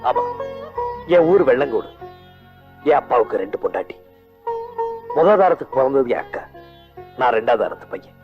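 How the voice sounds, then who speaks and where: An actor playing a quick-witted village man who fibs his way out of trouble in animated film dialogue. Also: mid-range voice, lo-fi sound, music in the background, natural voice. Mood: reflective.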